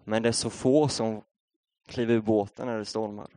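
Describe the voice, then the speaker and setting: A man's voice: fairly low pitch, little pitch movement, dark tone, no echo. A young Swedish man preaching a sermon, telling a story in a casual, conversational way before building up to a rousing appeal. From Sweden.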